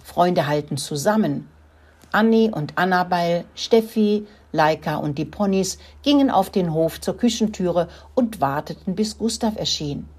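A woman narrating a children's farm story in a calm, even reading voice. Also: fairly low pitch, measured pace, few pauses, slightly rough.

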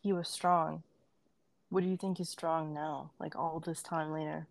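Creaky, low-voiced woman chatting casually. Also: flat delivery, a little slow, a crowd in the background. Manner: informal, frequent "like". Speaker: podcast host. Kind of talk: casual chat.

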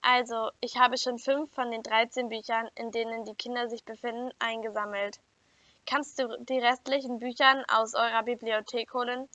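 A woman voicing a mysterious, wise old male librarian who explains things calmly in a read-aloud story. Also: on the high side, normal speed, no room sound. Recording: dull lo-fi dry recording.

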